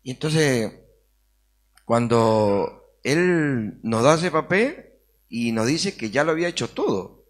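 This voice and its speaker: A man's voice: mid-range voice, big pitch swings, slow, pauses often. Earnest man telling his testimony. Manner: earnest storytelling, acts out dialogue. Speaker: interview guest. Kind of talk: personal faith testimony.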